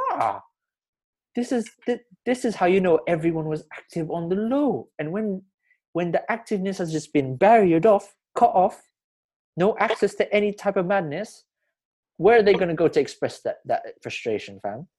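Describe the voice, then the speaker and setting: A man's voice: fairly high pitch, animated, normal speed, darkish tone. A young man with a London roadman accent, bantering casually and peppering his talk with street slang. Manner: slangy, peppers talk with bruv, fam and blood.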